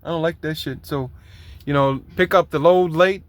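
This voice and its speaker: Profane, fed-up trucker ranting. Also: male voice, fairly high pitch, fairly even intonation, normal speed, no room sound. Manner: heavily profane, aggravated complaining; loose, rambling with fillers and repeats. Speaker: truck driver. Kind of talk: venting vlog rant.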